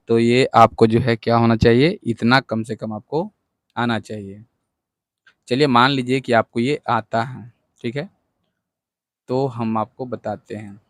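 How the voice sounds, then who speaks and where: A man teaches a lesson in an unhurried, deliberate way, and his voice sits at an ordinary middle pitch. He goes over each point more than once and keeps checking that his listeners are following. The sound is close and dry, with no room echo. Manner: patient, repeats each point with check-ins. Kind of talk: whiteboard lesson.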